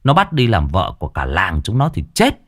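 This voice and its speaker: A man's voice: sits low, huge pitch swings, fairly quick, fairly bright tone. A man narrating a ghost story audiobook in a dramatic storytelling manner. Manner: dramatic storytelling, voices the characters.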